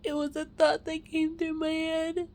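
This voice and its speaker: A woman crying with a snotty, tearful voice as she makes an emotional personal confession in halting, broken phrases. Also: very high-pitched, monotone, a little mellow, slight background noise. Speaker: mother sharing a personal testimony.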